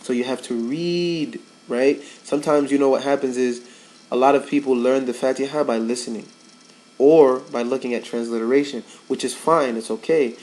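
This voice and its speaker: A man's voice: medium pitch, normal speed, poor audio. A man in a mid-range voice teaches Quran recitation in a loose, chatty way. He circles back and repeats words to press home each mistake. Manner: relaxed, repeats words for emphasis. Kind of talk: casual tajweed lesson.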